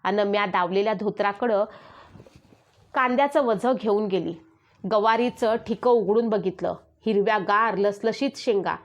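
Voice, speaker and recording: A woman's voice: medium pitch, moderate pace. A woman reading a rural story aloud, voicing the villagers' calls and dialect as she narrates. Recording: dull lo-fi recording.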